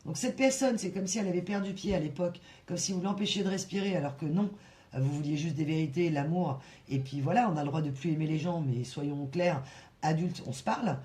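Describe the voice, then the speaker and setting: A woman giving a casual tarot reading, talking in an animated way and full of restarts and fillers. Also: deep voice, a little fast. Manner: breaks into soft sung song lines. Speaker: tarot reader.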